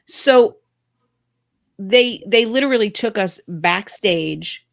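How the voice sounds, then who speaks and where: A woman hosting a podcast, casually recounting a trip with pauses and fillers. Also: medium pitch, expressive, vocal fry. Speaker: podcast host. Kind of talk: casual chat.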